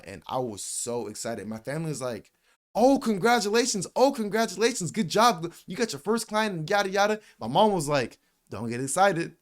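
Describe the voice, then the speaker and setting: A man in his late twenties, a vlogger telling a story in a loose, slangy way with lots of fillers and some swearing. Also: medium pitch. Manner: animated retelling with voiced quotes. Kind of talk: casual storytelling.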